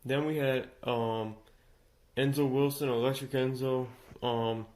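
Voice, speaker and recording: Man, congested, casual solo reviewer; rambling, restart-heavy delivery, ordinary middle pitch. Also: steady tone, unhurried, a little mellow. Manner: rambling, many fillers and restarts. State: congested from recent illness. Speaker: show reviewer. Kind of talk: casual unscripted commentary.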